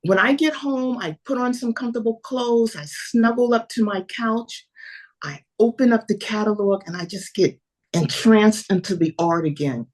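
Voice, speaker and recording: A woman in her seventies, a guest telling a lively story in an interview and acting out the dialogue. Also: mid-range voice, moderate pace. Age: 70s. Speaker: podcast guest.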